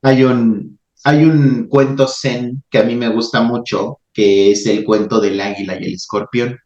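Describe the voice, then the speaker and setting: A man hosting a talk, speaking calmly and reflectively with frequent restarts. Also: mid-range voice. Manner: calm, reflective, halting with restarts. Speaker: podcast host. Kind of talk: reflective spiritual talk and storytelling. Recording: roomy, slightly muffled recording.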